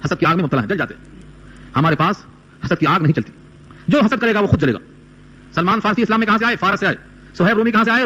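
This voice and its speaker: A man delivers a Quran commentary lecture in a high, bright voice. He recites a verse, then unpacks it with questions to his listeners. The sound has a broadcast, radio-like quality. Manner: recites Arabic verses, then explains them in Urdu with rhetorical questions. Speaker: Quran teacher.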